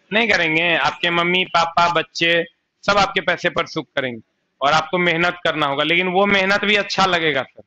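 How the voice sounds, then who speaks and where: A male coaching-class teacher talks with a Bihari accent, keeps asking his students questions and then answering them himself. His voice is bright and a bit high. The recording is dull and lo-fi. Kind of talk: classroom lecture.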